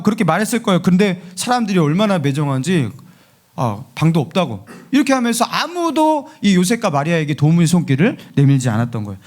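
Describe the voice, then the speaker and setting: A male pastor preaching a sermon, telling a story in an animated way and asking the congregation many rhetorical questions. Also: high-pitched.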